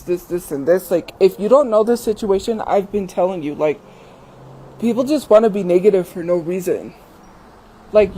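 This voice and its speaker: Female livestreamer, soft mellow tone, casual but emphatic and defensive delivery, windy outdoor recording with faint noise. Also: mid-range voice, rough recording. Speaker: livestream host. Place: outdoors in wind.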